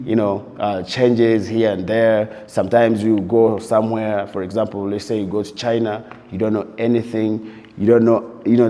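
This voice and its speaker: A Ugandan DJ and producer, his voice fairly low and dark, looks back on his story in an interview recorded while touring abroad. He tells it loosely, leaning on "you know" again and again, and the recording carries a long reverb.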